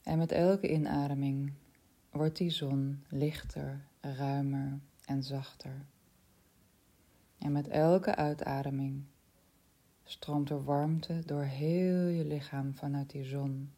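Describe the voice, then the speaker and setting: A woman leading a spiritual guided meditation in a soft, slow voice that often drops to a whisper. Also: low voice, little pitch movement.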